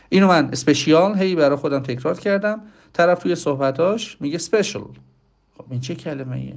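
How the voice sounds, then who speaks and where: A man's voice: medium pitch, gravelly. A man teaching English pronunciation in a casual spoken lesson, explaining step by step and asking his listeners rhetorical questions. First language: Persian.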